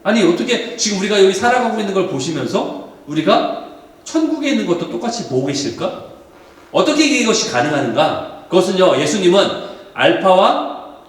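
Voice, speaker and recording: A man preaching a sermon as pastor, explaining scripture and putting questions to the congregation. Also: high-pitched. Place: church sanctuary. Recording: echoey hall from far off.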